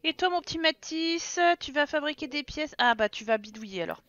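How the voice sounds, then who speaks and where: A woman's voice: sits high, lively intonation, a little fast, a bit bright, no echo, dull audio. A woman with a French accent giving casual, chatty commentary on her own Let's Play, teasing and scolding the characters on screen.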